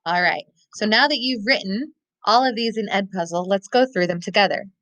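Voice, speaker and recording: A woman teaching a recorded classroom lesson with a bright, crisp voice. She thinks aloud step by step and slows right down to lean on key words. The sound is dry and close, with no room around her. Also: medium pitch, no room sound, rough recording. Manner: models thinking aloud, slows to stress keywords.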